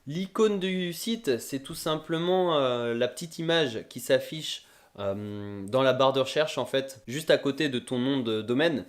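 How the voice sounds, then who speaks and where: A young man, talking through a screen-recorded web tutorial in a casual, friendly way, addressing the viewer directly and pausing often on filler sounds. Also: medium pitch.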